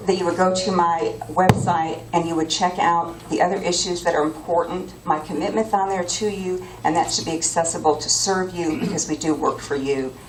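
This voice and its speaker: A woman's voice: lowish voice, steady tone, normal speed, few pauses, background noise. A woman giving an earnest, appealing campaign speech as a political candidate. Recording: echoey room from far off.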